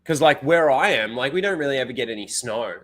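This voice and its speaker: Rambling and filler-heavy, this young livestream host has a blocked nose and keeps reading out chat names to say hello. He talks fast and expressively in a mid-range, slightly bright voice.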